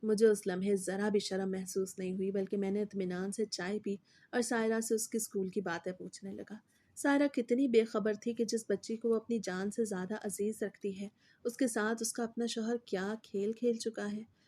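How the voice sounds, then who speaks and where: A woman tells a story in a steady, scripted narration. Her voice is mellow and dark, with pitch sitting in the middle of the range. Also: no room sound.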